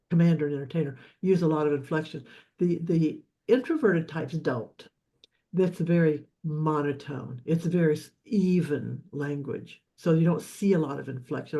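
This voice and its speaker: A man with a fairly high, mellow voice teaches a live leadership and communication session as a leadership coach. His explanatory style is loose and repetitive, full of repeated words and frequent restarts.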